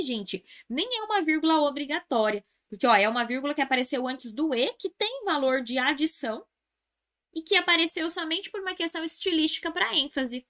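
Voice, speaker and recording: A Brazilian woman teaching an exam review class in a bright, fairly high voice. She walks through each answer step by step and repeats the key terms. She keeps calling out to her students as she goes. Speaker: Portuguese language teacher.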